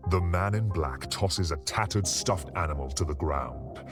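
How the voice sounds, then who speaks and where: Very deep-voiced male game narrator. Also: unhurried. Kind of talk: scripted dramatic game narration. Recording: music behind the voice.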